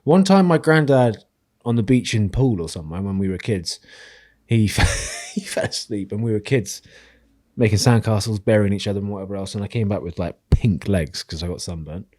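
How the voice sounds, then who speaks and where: A man co-hosting a casual podcast, with a fairly low voice. He teases and jokes his way through the chat. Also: fairly quick, darkish tone. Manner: teasing, banter-heavy. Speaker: podcast co-host.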